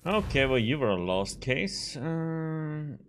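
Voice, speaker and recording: A Swedish man streams a video game, casually commenting and muttering both to himself and to the on-screen characters. His voice is a little high and sing-song, unhurried and fairly bright, with a faint hiss or hum in the recording.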